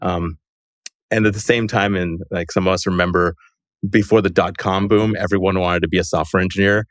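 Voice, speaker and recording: Deep and steady, this man's voice moves at a brisk clip, captured in studio quality with no echo. He's a co-founder from Los Angeles appearing as a podcast guest in a casual interview conversation, loose and chatty, peppering his speech with "like" and laughter.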